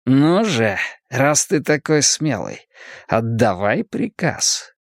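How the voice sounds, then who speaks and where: A man voicing a cold, calculating young male gang leader who speaks slowly and with quiet menace. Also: mid-range voice, big pitch swings, no room sound, studio quality. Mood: coolly menacing. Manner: slow, measured, quietly menacing.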